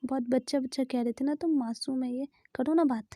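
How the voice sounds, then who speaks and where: एक महिला की आवाज़ में डरपोक, घबराया हुआ नौजवान. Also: female voice, high-pitched, brisk, dark tone, dry recording, clean studio sound. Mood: scared. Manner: anxious, pleading. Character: timid nervous young man, easily scared. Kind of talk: Hindi fan-dub storytelling.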